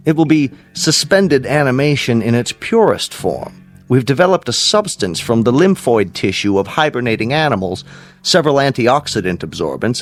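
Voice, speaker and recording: In a radio drama, an American actor plays a grave, fatherly scientist in the space program. His male voice is medium in pitch, and he speaks formally, deliberately and with emphasis while music plays behind him.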